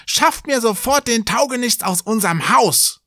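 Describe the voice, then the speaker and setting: A frantic, strong-willed sexton's wife, as a male narrator puts her on, her voice pushed high and shrill. She scolds fast and loud in a storybook tale, in a dry, close recording. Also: expressive, no echo, full character voice. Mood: outraged.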